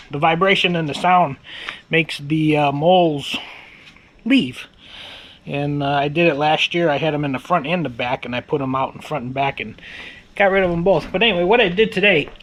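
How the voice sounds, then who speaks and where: A man chats casually to his camera outside in his sunny backyard, wandering from thought to thought and circling back on himself. His voice sits a little high for a man. Faint outdoor ambience hums under him. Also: fairly bright tone, a little hiss or hum, low-quality recording. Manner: rambling, repeats himself, many fillers. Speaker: vlogger. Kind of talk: casual vlog chat.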